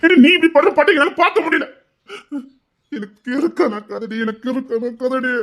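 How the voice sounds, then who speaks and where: An actor with a Tirunelveli Tamil accent playing a desperate young man who pleads with his lover, swinging from hushed pleas to shouting. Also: very high voice, steady tone, rapid-fire. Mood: impassioned. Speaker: actor in a romance drama. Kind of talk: emotional drama acting.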